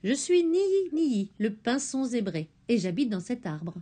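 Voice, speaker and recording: A cheerful little desert finch chirps its words high and unhurried, as a woman reading the story puts it on. The voice is mellow and soft-edged, with lively swoops up and down. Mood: friendly. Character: zebra finch bird, friendly and curious.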